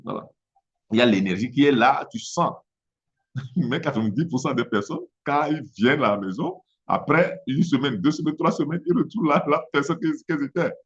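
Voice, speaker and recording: With lively intonation and a mid-range voice, a Togolese business coach gives a halting motivational talk in French, his accent influenced by Italian though his first language is Mina. He often repeats words while searching for them, and the highs are cut off.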